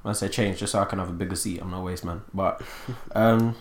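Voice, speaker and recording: A man's voice: low-pitched, steady tone, fairly quick, slight background noise. A man in his twenties with an urban London accent, talking bluntly and casually in heavy slang. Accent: London, multicultural urban slang. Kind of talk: casual chat. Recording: echoey room.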